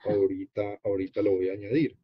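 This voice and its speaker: A man with a Colombian accent leads an online workshop, explaining a web page as he shows it on screen. He talks in a halting, unhurried way, full of fillers and restarts. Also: lowish voice, little pitch movement, breathy edge, no echo. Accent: Colombian Spanish. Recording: dull, dry video-call audio.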